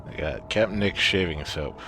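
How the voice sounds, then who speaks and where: A man's voice: deep voice, moderate pace, background noise. A man giving casual commentary while playing a video game with friends. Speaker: game player chatting with friends.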